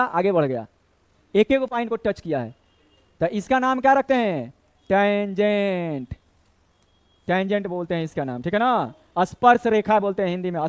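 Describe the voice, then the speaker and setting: High, clear-voiced maths teacher. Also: male voice, no room sound. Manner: chatty, scolds and jokes with students, mixes Bhojpuri words. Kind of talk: classroom lesson.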